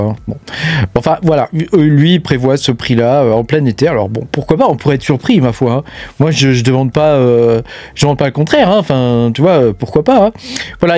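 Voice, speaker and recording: A crypto channel host walks the viewer through a casual screen share, chatting familiarly and stuffing nearly every phrase with "hein" and "euh." His voice is medium-pitched and a little mellow, with no room sound.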